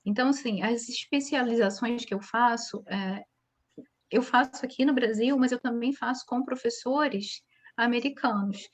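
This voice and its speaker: A woman from Brazil who teaches English speaks in a fairly high voice. She answers interview questions in a relaxed, chatty way, full of little fillers, and explains her points with examples. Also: moderate pace.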